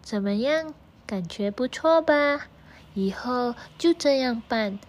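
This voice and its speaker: A mischievous cat who plays tricks on a friend, as a woman puts it on. It talks in a slightly high, unhurried, teasing tone. The medium is a children's storybook. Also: expressive. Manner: teasing, coaxing.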